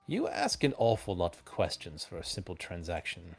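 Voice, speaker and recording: A man voicing a shrewd, businesslike merchant who speaks in a measured, formal and unyielding way. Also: deep voice, sing-song, gravelly, slightly rough, exaggerated voice. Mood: cool.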